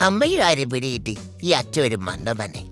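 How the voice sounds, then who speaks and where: A man's voice: mid-range voice, huge pitch swings, fairly quick, over loud music. A man voicing the inner thoughts of a cheeky, scheming toddler boy, confiding mischievously to viewers in a comic voice-over.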